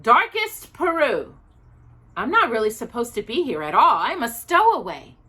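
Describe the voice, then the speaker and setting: A woman voicing a small, polite, self-important young male bear in a storybook, with a small, clear voice and earnest, precise manner. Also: fairly high pitch, big pitch swings, normal speed, pushed and bright, pitched above the performer's own voice, full character voice. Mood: confiding.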